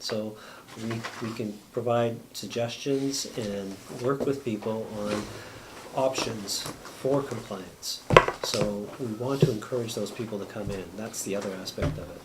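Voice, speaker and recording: A man's voice: on the low side, steady tone, unhurried, noisy background. A man explaining a bylaw at a council meeting, talking in a rambling, earnest way with folksy sayings.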